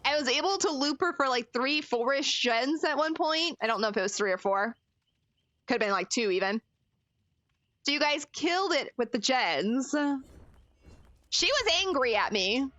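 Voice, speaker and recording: A woman's voice: high-pitched, expressive, moderate pace, pauses often, pushed and bright, no echo, highs cut off. A woman streaming a game, chatting casually with viewers and reacting expressively, swinging between frustrated cries and laughs. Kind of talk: casual gaming commentary.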